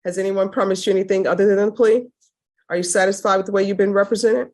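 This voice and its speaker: A woman judge running formal courtroom proceedings in a brisk, firm, stern manner, heard in a courtroom recording. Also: medium pitch, steady tone, a little mellow.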